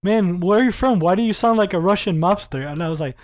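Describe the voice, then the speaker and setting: Talking fast in a voice that sits high, the podcast guest, a man in his twenties who grew up in Cuba, keeps the casual conversation lively. Frequent laughs punctuate his speech, and he repeats words when launching into sentences.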